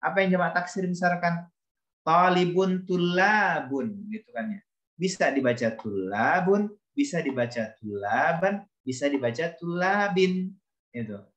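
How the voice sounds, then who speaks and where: A man's voice: on the high side, expressive, unhurried, a bit bright, roomy sound, muffled recording. A male teacher giving a grammar lesson, explaining patiently, repeating examples and calling on students by name. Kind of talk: classroom lesson.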